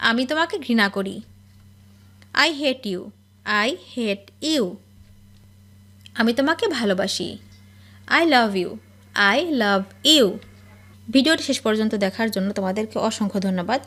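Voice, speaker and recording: Lady drilling english phrases, super slow, kinda high voice. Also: a bit bright. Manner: reads each Bangla phrase, then says the English twice, slowly and clearly. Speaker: English teacher.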